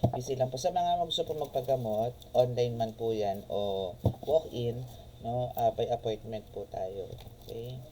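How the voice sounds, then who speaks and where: A man's voice: mid-range voice, unhurried, warm tone, slight background noise. A man giving a casual tarot reading, chatty and polite, full of fillers and respectful asides. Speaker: tarot reader and spiritual healer.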